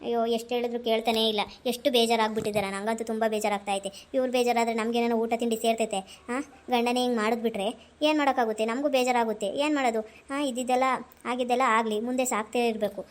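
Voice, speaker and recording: In an amateur family drama skit, an actress plays a worried young wife urging her husband to eat. Her voice is on the high side, close to an everyday one, and she's pleading and insistent, repeating herself.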